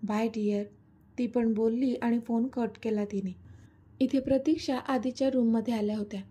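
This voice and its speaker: A woman's voice: fairly high pitch, steady tone, moderate pace, mellow, breathy edge. A woman reading a romantic serial story aloud, speaking every character's lines in her own voice. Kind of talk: scripted story narration with voiced dialogue.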